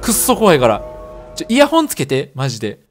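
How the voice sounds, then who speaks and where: A man's voice: on the high side, fast talker. Jumpy Kansai man playing horror. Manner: excitable and jumpy, reacting loudly. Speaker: gaming streamer. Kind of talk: horror game let's play commentary. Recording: game music playing behind.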